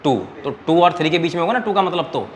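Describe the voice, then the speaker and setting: Man teaching chemistry with quick questions. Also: a little high, slight background noise. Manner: quizzes students and answers his own questions; calls students "beta". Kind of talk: classroom lecture.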